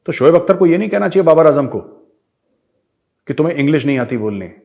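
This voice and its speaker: Forceful Indian man, rhetorical monologue. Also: on the high side, animated, quick pace, gravelly. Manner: forceful, rhetorical, switching between English and Hindi. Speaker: show host, commentator. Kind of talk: opinionated monologue to camera.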